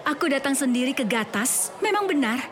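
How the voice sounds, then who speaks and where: An actress playing a proud, dutiful and defiant wife in a radio drama. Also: female voice, high-pitched, animated, brisk, a bit bright, slight background noise. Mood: defiant, indignant.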